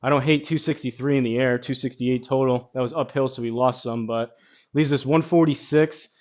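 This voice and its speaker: A man giving casual golf simulator commentary, rambling as he thinks out loud. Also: medium pitch, fairly even intonation, fairly quick, highs cut off.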